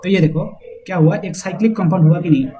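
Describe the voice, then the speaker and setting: A man's voice: sits high, steady tone, quick pace. A man teaching a chemistry lesson, explaining step by step and mixing in English terms. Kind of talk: whiteboard lecture. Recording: slightly dull audio with faint hiss.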